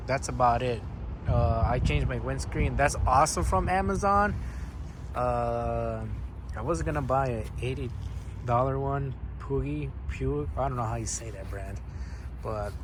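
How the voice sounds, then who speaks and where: With background noise around him, a man in a mid-range voice casually explains bike modifications to his viewers. His motorcycle vlog is laid-back and full of slang.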